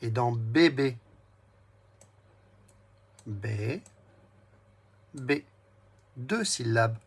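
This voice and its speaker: A man with a slightly husky, mid-pitched voice gives a reading lesson to young children. He speaks unhurriedly and warmly, breaking each word into syllables. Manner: speaks slowly, splits words into syllables. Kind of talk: slow, patient reading lesson addressed to a child.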